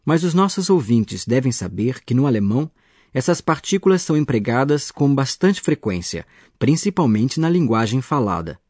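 A man's voice: mid-range voice, very animated, moderate pace, darkish tone, dry recording. A man acting as a teacher, patiently explaining grammar in a scripted radio lesson. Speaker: language teacher.

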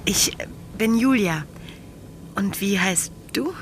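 An actress playing a kind young flight attendant in an audio drama, reassuring with small hesitant stammers. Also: female voice, medium pitch, animated, slow pace, soft background music. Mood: gentle. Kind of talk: acted language-course audio drama.

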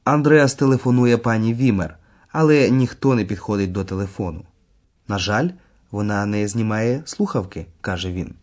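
A man narrating a scripted radio language lesson, explaining scenes clearly. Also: lowish voice, moderate pace, darkish tone. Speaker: course narrator.

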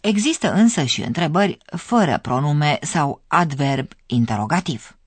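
Narrator with lively intonation. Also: medium pitch, no room sound. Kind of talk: scripted narration for a radio course.

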